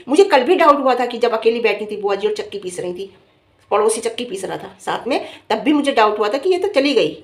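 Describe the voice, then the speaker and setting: Woman vlogger going off at someone, lots of rhetorical questions, kinda high voice, echoey room. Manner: animated, scolding, rhetorical questions. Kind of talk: casual commentary to camera.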